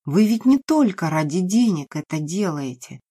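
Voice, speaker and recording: A woman's voice: fairly low pitch, sing-song, moderate pace, warm tone, breathy edge. A woman voicing a frightened but defiant young woman who answers firmly in an audiobook. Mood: tense defiant. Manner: trembling yet firm.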